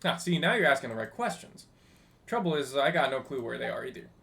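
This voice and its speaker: A man gives a full character voice to a game's chatty, teasing ship's technical officer, reading the dialogue in an animated, somewhat halting manner. Medium in pitch with vocal fry, he comes across eager and explaining.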